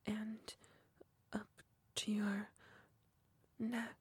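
A woman speaks almost entirely in a soft, unvoiced whisper, pressed close to the microphone. Her delivery is very slow and airy, with a level, barely moving melody. The sound is dry and near, with no room around it. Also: mid-range voice, completely flat delivery, husky, no echo. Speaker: ASMR performer. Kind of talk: whispered intimate ASMR roleplay.

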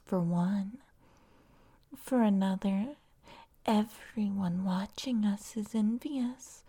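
In a whispered audio roleplay, a woman with a mid-range voice plays a seductive female vine creature, speaking softly, breathily and coaxingly.

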